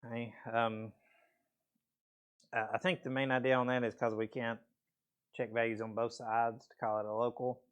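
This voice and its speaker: Male math teacher in a classroom, mid-pitched, casual and patient, voice slightly worn, checks in with okays. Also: little pitch movement, normal speed, pauses often, clean tone, muffled recording. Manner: casual, explains step by step with frequent okays. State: voice weak from weather, peppermint in mouth. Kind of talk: classroom lecture.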